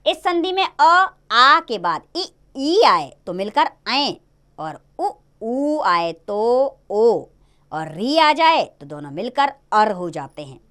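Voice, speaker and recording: Lively woman teaching a children's grammar lesson. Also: a little high, slow pace. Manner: lively, sing-song explaining with stressed examples.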